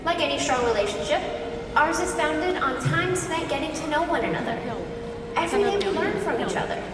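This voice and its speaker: A woman reading scripted inspirational show narration in a measured, polished way. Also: high voice, expressive, distant mic. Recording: echoey venue playback from afar, noisy.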